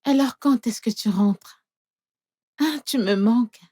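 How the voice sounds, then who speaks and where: A woman dubbing a clingy, sweet young woman who coos softly at her lover in a French film dub. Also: a little high, takes it slowly, slightly rough. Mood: cooing. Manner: soft, cooing, affectionate.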